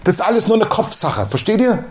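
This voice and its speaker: Pastor, male, middle-aged, plain-spoken sermon delivery with quoted voices, slightly high pitch. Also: big pitch swings, fairly quick, darkish tone. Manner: blunt, colloquial preaching that acts out quoted voices.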